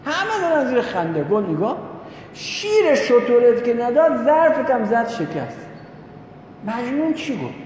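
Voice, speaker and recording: A man preaching a sermon, telling a religious story in an animated way and voicing the people in it. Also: very high voice. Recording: echoey hall with long reverb, faint noise.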